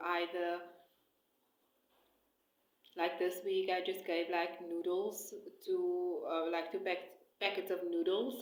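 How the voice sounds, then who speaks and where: A woman from South Africa chatting casually as a food vlogger, hesitant and rambling with pauses between short phrases, recorded on a nearby phone. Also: on the low side. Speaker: food vlogger and cookbook author. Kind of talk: casual eat-along chat to camera. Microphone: phone close by, no attached mic. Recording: echoey room, phone microphone.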